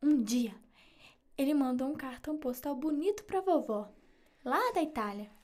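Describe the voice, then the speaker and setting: Female actor playing little daughter, high voice, wistful and imaginative, natural drama acting. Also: expressive, normal speed.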